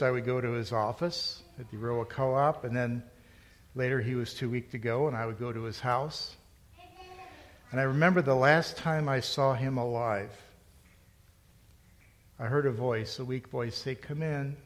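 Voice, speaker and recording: A middle-aged male pastor preaching a sermon in a conversational storytelling way, rising to emphatic points. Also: medium pitch. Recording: long hall reverb.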